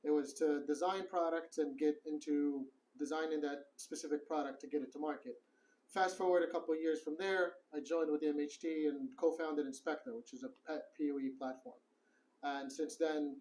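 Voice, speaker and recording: A man's voice: fairly high pitch, fairly even intonation, a little fast, a little mellow, poor audio. A middle-aged man from Morocco, a company co-founder, steadily explaining technical matters in an office interview. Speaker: guest, tech co-founder. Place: office in the city.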